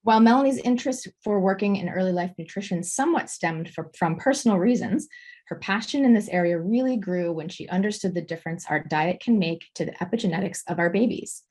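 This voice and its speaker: A woman hosting a webinar, reading a formal, measured introduction of the speaker. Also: medium pitch, darkish tone. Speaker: webinar host.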